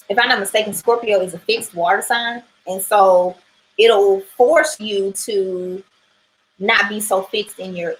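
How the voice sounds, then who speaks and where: A woman's voice: lowish voice, fairly bright tone, slight background noise, poor audio. A woman talking through a weekly astrology reading in a casual livestream, chatty and loose, swearing now and then and asking "right?" a lot. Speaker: tarot and astrology reader.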